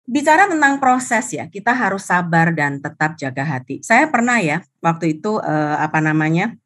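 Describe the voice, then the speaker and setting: Animated middle-aged woman telling stories. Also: on the low side, moderate pace. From Indonesia. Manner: animated, acts out quoted dialogue, drops in English phrases. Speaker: insurance agent sharing experiences. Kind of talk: motivational storytelling on a live stream.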